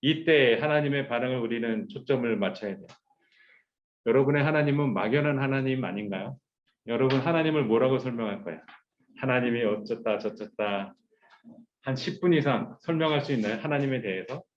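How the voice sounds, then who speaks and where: A male pastor gives a sermon to a youth group, animated and telling the story with a lot of expression. His voice sits in the middle range. The recording sounds dull and lo-fi. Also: medium pitch, brisk, a little hiss or hum. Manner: animated, acting out quoted voices, leading group reading.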